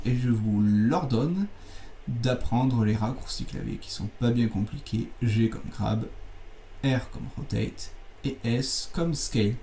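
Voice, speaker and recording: A man's voice: mid-range voice, mellow, slight background noise, low-quality recording. Chatty man teaching a screencast. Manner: informal, chatty, with fillers and self-corrections. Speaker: software tutorial teacher. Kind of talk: screencast tutorial.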